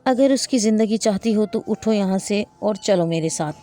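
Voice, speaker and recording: Storybook part: woman reading as a quiet, composed sad man, soft and mellow. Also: medium pitch, soft background music, close to an everyday voice. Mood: calm. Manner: speaks calmly and quietly. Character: calm, sorrowful rich man.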